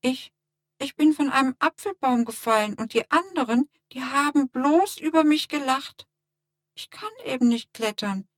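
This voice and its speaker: A woman voicing a small, sad and shy boy in a storybook, speaking in a halting, stammering way. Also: high-pitched, lively intonation, no room sound, clean studio sound, voice pushed up. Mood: sobbing. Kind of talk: storybook narration.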